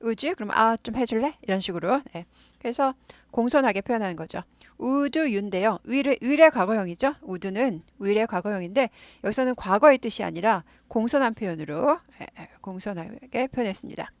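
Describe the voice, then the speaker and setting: A woman explaining English phrases to learners, patiently repeating words slowly to model how they sound. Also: medium pitch, expressive, dry recording. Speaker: English teacher.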